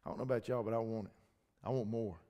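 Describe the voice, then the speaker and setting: A man preaching a sermon, swinging between loud shouting and low, intense talk. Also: steady tone, rapid-fire. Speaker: pastor. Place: church hall. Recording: long church reverb.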